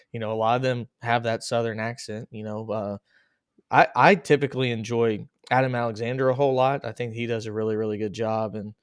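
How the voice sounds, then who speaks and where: A man hosting a casual racing chat podcast, joking and animated. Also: mid-range voice, smooth, no echo, studio quality. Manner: joking, animated, laughs at own bits. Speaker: podcast host.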